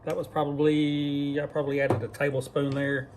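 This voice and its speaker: A man's voice: on the high side, little pitch movement, moderate pace, noisy background. A man hosting a casual cooking vlog in a barn workshop, talking in a folksy, rambling, self-deprecating way. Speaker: cooking channel host. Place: barn workshop where deer are cleaned.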